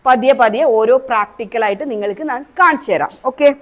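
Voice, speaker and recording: A woman's voice: on the high side, fairly quick. A woman Montessori trainer with a Kerala accent, teaching a teacher training class and asking the trainees questions. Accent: Malayali, Kerala. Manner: asks the class questions, demonstrates sounds.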